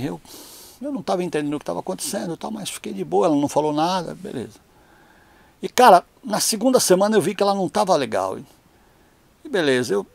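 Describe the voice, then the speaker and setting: A man's voice: high voice, creaky, a little mellow, no room sound. A man casually telling a funny personal story in a chatty, amused way. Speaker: storyteller, channel host.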